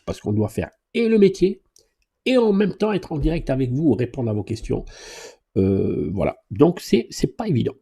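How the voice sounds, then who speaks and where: A man's voice: medium pitch, big pitch swings, normal speed, vocal fry, mellow, slightly rough. A man who teaches driving, answering viewer questions live in a chatty, joking way and reading comments aloud. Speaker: driving instructor and YouTuber.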